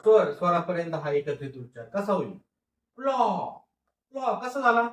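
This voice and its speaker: A man teaches phonics, saying each word slowly and repeating it so the class can read along. His voice sounds distant, picked up in an echoey room. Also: high-pitched, sing-song, fairly bright tone. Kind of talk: phonics lesson.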